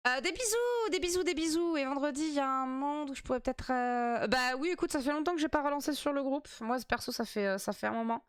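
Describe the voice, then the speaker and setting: A woman's voice: high-pitched, quick pace, hardly any pauses, clean tone. A woman streamer chatting casually and playfully while reacting to a TV quiz, swearing freely.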